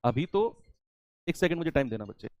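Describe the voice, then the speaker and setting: A man's voice: fairly high pitch, sing-song, fairly quick, darkish tone, no room sound. A man teaching a maths lesson, explaining step by step and repeating the key terms, sometimes answering in his students' voice. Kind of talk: classroom maths lecture.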